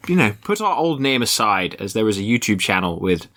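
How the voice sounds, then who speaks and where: A man's voice: lowish voice, sing-song, a little fast, a bit bright. A man hosting a podcast in casual conversation, recorded in the attic of a house. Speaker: podcast host. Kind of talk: casual chat. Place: attic room of a family house.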